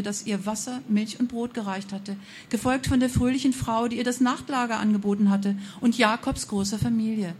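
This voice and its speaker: A woman telling a fairy tale aloud, expressive, with a few slips and self-corrections. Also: medium pitch, a little hiss or hum. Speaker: storyteller.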